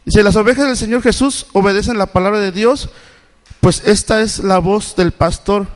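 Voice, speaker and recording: A middle-aged man from Mexico preaching in church, his voice pitched high above most men's. He keeps putting questions to the congregation, breaking off and starting his sentences again. A long reverb from the church hangs on every word. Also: steady tone. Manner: asks the congregation repeated questions; halting, with many restarts. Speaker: Sunday school preacher. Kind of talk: sermon. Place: church sanctuary.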